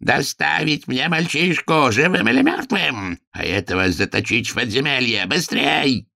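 A man's voice: expressive, moderate pace, gravelly, pushed and bright, no room sound, studio quality, heavily acted. A man voicing a cruel, scheming court minister who threatens and gives orders. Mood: furious. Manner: menacing, squeaking when enraged.

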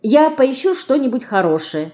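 A woman's voice: sits high, big pitch swings, normal speed, mellow, voice pushed up. A woman reading an audiobook, voicing an earnest, sensible schoolgirl who is the older sister.

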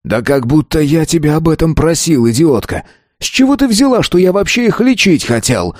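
A man voicing an arrogant, brutal young man who talks gruffly and scornfully. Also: low voice, measured pace, darkish tone, no echo, clean studio sound. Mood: furious.

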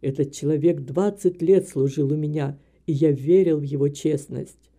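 A guilt-stricken old father speaks in a lowered, heavy voice, pleading for forgiveness in an audiobook, as a woman reader puts him on. His tone is dark and mellow. Each phrase sags under remorse. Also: fairly even intonation, normal speed. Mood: remorseful. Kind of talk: audiobook character reading.

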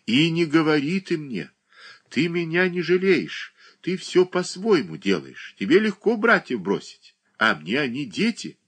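A man's voice: on the high side, sing-song, a little slow, fairly bright tone, breathy edge, pitched above the performer's own voice, full character voice. A man reading an audiobook, voicing an anxious, tearful aging mother who laments and pleads. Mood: lamenting. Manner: plaintive, lamenting.

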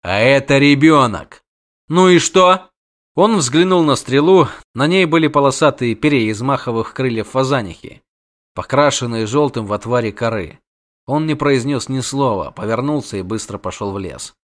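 A man narrating a fantasy novel in an even, measured storytelling voice. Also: mid-range voice. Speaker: audiobook narrator.

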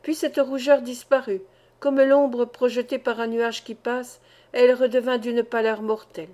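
Woman audiobook narrator, slightly high voice, measured literary reading. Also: flat delivery, a little mellow. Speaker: audiobook reader. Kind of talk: audiobook narration of a classic novel.

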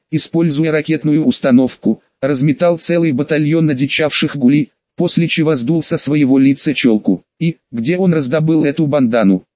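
A man reading an audiobook, voicing every character in the same steady narrating voice. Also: fairly high pitch, no echo, dull audio. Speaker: audiobook reader. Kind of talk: audiobook narration of fan fiction.

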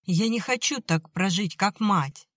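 A tearful, high-strung young girl, as a woman narrator puts her on, pleading and defiant by turns in a voice lifted well above the reader's own. Her words come out strained and choked. The recording is close and completely dry. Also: a little slow, a bit bright, no echo.

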